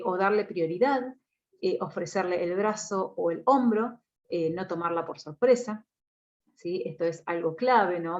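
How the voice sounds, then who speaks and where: A woman giving a recorded course lecture, explaining step by step with frequent tag questions and hesitant fillers. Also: fairly low pitch. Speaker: course instructor. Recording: dull lo-fi audio.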